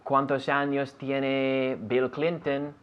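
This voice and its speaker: Canadian man, friendly co-host teacher, mid-pitched, muffled lo-fi sound. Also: little pitch movement, extremely slow, clear, resonant tone. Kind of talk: casual classroom chat. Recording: dull lo-fi recording.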